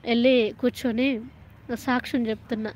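A woman evangelist of about thirty tells her personal religious testimony. Her voice sits high, and she speaks with earnest feeling, often restarting her phrases as she recalls the story. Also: little pitch movement, normal speed, a little mellow. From Telangana, India.

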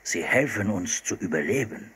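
A man voicing a calm, kindly older seal hunter in a children's storybook reading, explaining slowly and patiently. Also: lowish voice, slightly rough, heavily acted.

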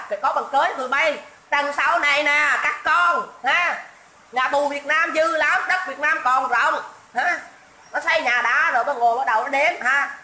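High bright mocking woman ranting. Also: roomy sound, poor audio. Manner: mocking, scolding, insulting, repeats herself. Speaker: livestream host. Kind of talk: political rant livestream.

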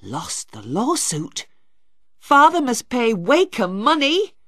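A woman reading a storybook voicing a stubborn, angry teenage boy with a sharp, demanding manner. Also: on the low side, sing-song, a little slow, dry recording, studio quality, pitched above the performer's own voice, full character voice. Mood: tense.

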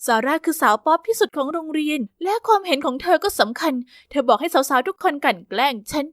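A woman narrating a first-person story with a steady, even storytelling delivery. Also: high-pitched, fast talker, dry recording, studio quality.

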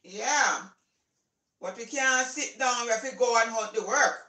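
An older Jamaican woman talks freely to her camera while she cooks, with a bright, high voice. Her speech drifts into patois, and laughter breaks through it. The phone sits on the counter, and the kitchen gives the sound an echo. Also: a little slow. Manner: chatty, mixes patois into speech, laughs often. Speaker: cooking vlogger. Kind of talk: casual chat while cooking. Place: home kitchen. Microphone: phone camera set on the counter.

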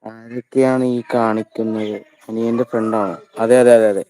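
A man chatting casually with a friend during a live stream, mostly with short, relaxed replies. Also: lowish voice, normal speed, no echo, rough recording. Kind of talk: casual chat.

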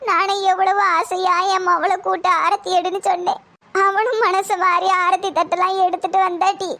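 Someone voicing a squeaky wailing old village grandma. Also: fairly bright tone. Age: older. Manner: lamenting, sing-song crying. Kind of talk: cartoon voice acting.

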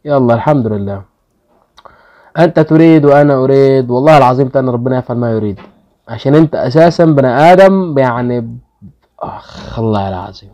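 Man, Egyptian Arabic accent, gaming vlog host, excitable and grumbling, quick talk, mellow voice. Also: medium pitch, lo-fi sound. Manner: excitable, pleading with luck, grumbling at bad results. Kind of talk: casual gaming commentary.

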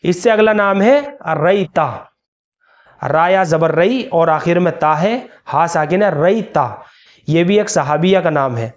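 A man teaching as a religious scholar, slowly spelling out names letter by letter in a careful instructional talk. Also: sits high. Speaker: Islamic scholar.

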